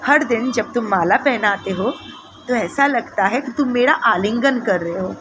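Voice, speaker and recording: A woman's voice: on the high side, lively intonation, measured pace, background noise. A woman voicing a small cowherd boy who is playful and pleading.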